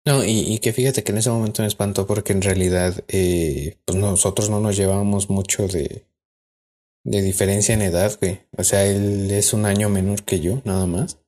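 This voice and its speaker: On this podcast, a co-host with a Mexican accent tells a personal ghost-style story, wandering along with lots of fillers and restarts. His voice sits on the low side, mellow and steady, at a normal speed.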